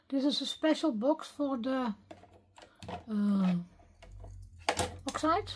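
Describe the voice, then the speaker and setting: A woman talking quietly through her card making at a craft desk, thinking aloud and often half-whispering. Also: sits high, a little hiss or hum. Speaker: craft video maker.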